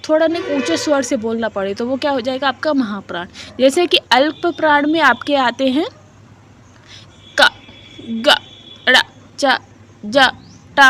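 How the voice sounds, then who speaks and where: A woman teacher giving an exam-prep lesson, asking her own questions and answering them, repeating syllables aloud to demonstrate sounds and mixing English words into her talk. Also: high-pitched. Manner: mixes English words into Hindi.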